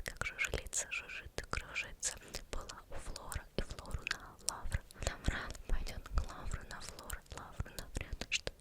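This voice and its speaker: An ASMR creator whispering tongue twisters in a hushed voice, often stumbling and repeating words.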